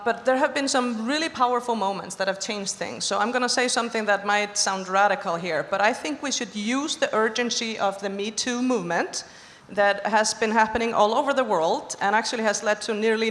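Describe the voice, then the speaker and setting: A woman's voice: fairly high pitch, fairly bright tone. A woman from Iceland speaking earnestly on a conference panel, building on other speakers' points. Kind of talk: panel discussion. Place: conference hall stage. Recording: long reverb of a conference hall.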